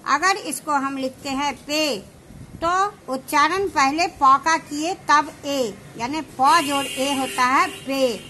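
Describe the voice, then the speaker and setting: A woman teaching shorthand, explaining each step slowly and checking whether her students understand. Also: sits high, bright, forceful tone, slight background noise. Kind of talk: slow classroom explanation.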